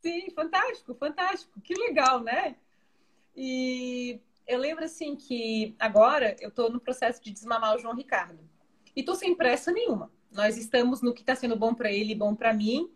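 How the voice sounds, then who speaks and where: A woman's voice: fairly high pitch, animated, moderate pace. A woman hosting a casual call, chatty and enthusiastic. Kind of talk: casual video-call conversation.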